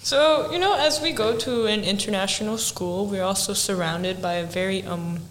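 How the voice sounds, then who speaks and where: A teenage girl from Thailand co-hosting a podcast, chatting in a relaxed, rambling way. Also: medium pitch, moderate pace. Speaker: podcast co-host. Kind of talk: casual chat among friends. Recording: echoey room, long reverb, faint hiss.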